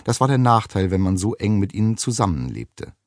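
A man reading an audiobook in a wry, expressive storytelling manner. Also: on the low side, fairly quick, dry recording, clean studio sound. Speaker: audiobook narrator. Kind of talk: scripted narration.

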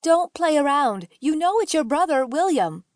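A woman's voice: high voice, big pitch swings, moderate pace, dry recording, studio quality, voice pushed up. A woman narrator voicing a caring young mother who comforts and scolds her son. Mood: scolding. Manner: tender but sharp when scolding.

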